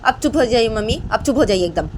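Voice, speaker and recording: A woman voicing a middle-aged father who firmly orders his family to be quiet. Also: on the high side, expressive, fast talker, slight background noise, pitched above the performer's own voice, natural voice. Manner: firm, commanding, repeats "theek hai". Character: stern middle-aged father defending daughter-in-law.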